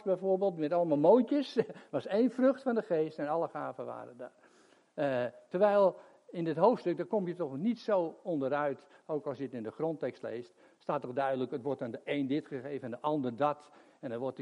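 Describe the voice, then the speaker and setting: A man's voice: on the high side, a little mellow, muffled recording. An older man preaching a sermon and telling stories between chuckles. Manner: chatty storytelling with chuckles.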